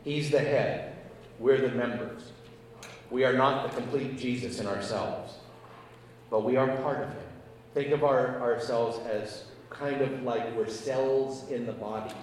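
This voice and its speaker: A man's voice: medium pitch, steady tone, unhurried, slight background noise. A man, a pastor, preaching a sermon and telling a story in an earnest way, acting out the conversation with emphatic rises. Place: large church. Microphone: handheld mic. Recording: echoey church hall, distant mic.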